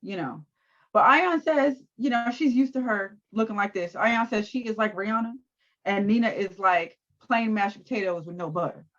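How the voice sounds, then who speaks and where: A woman's voice: mid-range voice, moderate pace, highs cut off. Laughing woman recapping reality TV. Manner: animated, laughs often, acts out quotes. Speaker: podcast co-host. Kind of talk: casual recap chat.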